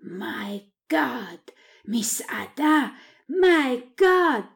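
A woman reading aloud, voicing a gruff male detective chief who talks in a raised, exclaiming voice. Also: on the high side, very animated, fairly quick, a little mellow. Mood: astonished.

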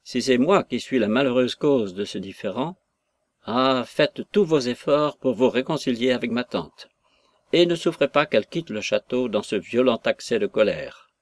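A man doing a gentle young daughter from a storybook, pleading softly and respectfully with her angry father. The sound is dry and close, with no room around it. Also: mid-range voice, animated, moderate pace, no echo, natural voice.

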